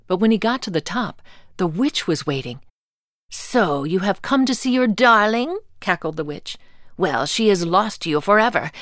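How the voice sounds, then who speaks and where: A woman reading a fairy tale aloud as scripted storybook narration, calm and deliberate. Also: lowish voice, no echo, studio quality.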